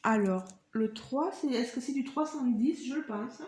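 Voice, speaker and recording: Lady vlogger unboxing stuff, slow and chatty, talks right to viewers, echoey room. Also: a little high, a little mellow. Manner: chatty, addresses viewers directly; marvels at the items she shows. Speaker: crafts vlogger. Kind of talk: casual unboxing vlog.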